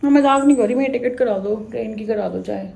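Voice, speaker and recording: A woman's voice: on the high side, fast talker, vocal fry, mellow. A young woman vlogger talking casually and pleading insistently into a phone camera. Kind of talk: casual chat. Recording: echoey room with faint noise.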